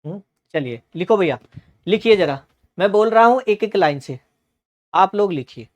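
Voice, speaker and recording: A man with a high-sitting, animated voice teaches a shorthand class. He addresses students as beta and bhaiya and repeats each word slowly so they can take dictation.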